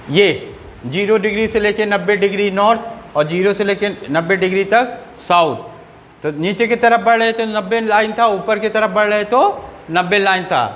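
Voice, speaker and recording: A man teaching a school class, asking questions and answering them himself in a lower voice, and reading English lines out slowly. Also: a bit bright, in a large hall. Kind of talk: classroom lecture.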